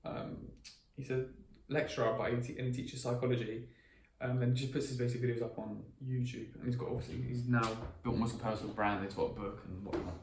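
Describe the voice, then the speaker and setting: A twenty-year-old man co-hosts a podcast, chatting casually and rambling with lots of restarts and fillers. His medium-pitched voice barely moves in pitch, runs fast with hardly any pauses, and has a darkish tone. The mic is distant in an echoey room with faint ambience.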